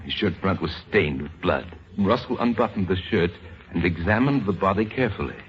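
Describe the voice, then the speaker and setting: A low-pitched man narrates a scripted old-time radio drama, grave and theatrical, expressive and a little fast. The recording is dull and lo-fi like old radio, with dramatic music behind him.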